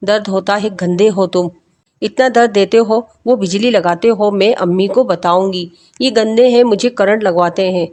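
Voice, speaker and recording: A pleading young woman in a spoken story, talking like a frightened child, as a woman narrator puts her on. The voice sits at a middle pitch. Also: a little mellow, natural voice.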